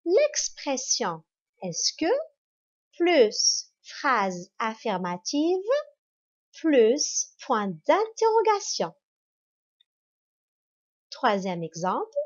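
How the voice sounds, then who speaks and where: Slow, high-voiced woman teacher. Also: sing-song. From Morocco. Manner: slow, spelled-out, encouraging classroom delivery. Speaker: primary school teacher. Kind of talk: grammar lesson for children. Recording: dull lo-fi recording.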